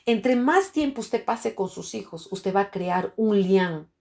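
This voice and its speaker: A woman pastor preaches an earnest sermon. She speaks straight to the listener at a mid pitch for a woman. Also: expressive, slow pace, vocal fry, a little mellow.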